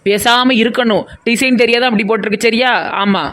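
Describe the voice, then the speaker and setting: A woman playing a fast-talking nosy village aunty. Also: on the high side, fairly even intonation, a bit bright, lightly acted. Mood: chattering. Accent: southern Tamil Nadu (Kanyakumari–Tirunelveli). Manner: rambling, teasing, talks nonstop. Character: chatty nosy village woman, blunt and comic. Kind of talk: cartoon comedy voice acting.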